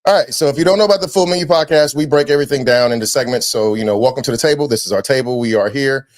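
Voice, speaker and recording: A man hosting a podcast, chatting casually and telling lively stories, dropping "man" often. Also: medium pitch. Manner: animated storyteller, quick, slangy, says "man" a lot. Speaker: podcast host.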